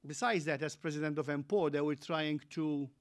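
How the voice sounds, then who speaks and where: A middle-aged man giving a relaxed, self-deprecating speech as a visiting academic. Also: fairly high pitch, moderate pace. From Malta. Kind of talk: speech at a launch event.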